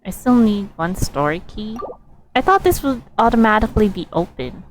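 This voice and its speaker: Reacting to a game's story dialogue during a livestream, a woman offers casual commentary, thinking out loud and musing. She speaks at a moderate pace in a mid-range voice with lively intonation, over background game ambience and noise.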